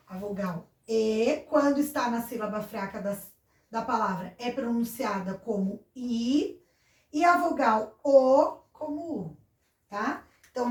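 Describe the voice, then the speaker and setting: A female teacher with a Brazilian Portuguese accent gives a recorded lesson, walking through each point slowly and checking in with her students. Her voice sits a bit high. The room around her is echoey. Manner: patient, explains step by step with checks like "tá?".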